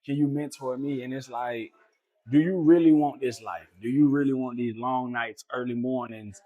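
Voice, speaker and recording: A man's voice: medium pitch, steady tone, normal speed, lo-fi sound. A man co-hosting a casual chat about running a business, asking playful, probing questions. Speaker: co-host, business owner.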